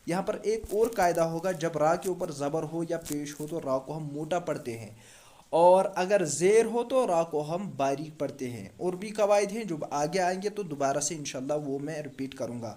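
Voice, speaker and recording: A man's voice: a little high, normal speed, warm tone. Patient man teaching Quran recitation. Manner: patient, repeats letters and asks the class questions. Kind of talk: step-by-step tajweed lesson.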